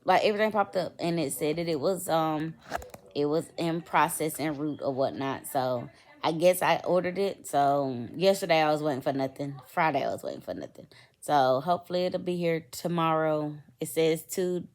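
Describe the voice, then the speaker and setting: A woman's voice: deep voice, moderate pace, a little mellow. A middle-aged woman, venting in a rambling, sleepy casual storytime vlog. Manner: rambling, venting, lots of fillers. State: sleepy, yawning. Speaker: vlogger.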